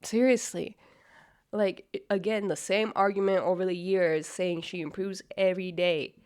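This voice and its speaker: A woman's voice: on the low side, level tone, normal speed, a little mellow, smooth. A woman hosting a reaction video, blunt and mocking in casual commentary. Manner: blunt and mocking, laughs often. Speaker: reaction channel host.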